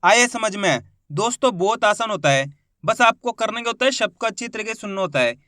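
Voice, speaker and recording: A man's voice: sits high, expressive, a little fast, bright, forceful tone, no room sound, clean studio sound. A man teaching Hindi reading. He sounds out each syllable, then blends them into a word, and asks questions he answers himself.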